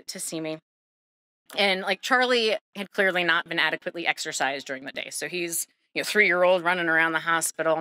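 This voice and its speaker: A woman in her thirties telling a true story live on stage, lively and laughing, acting out the people she quotes with big jumps in pitch. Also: no room sound, clean studio sound.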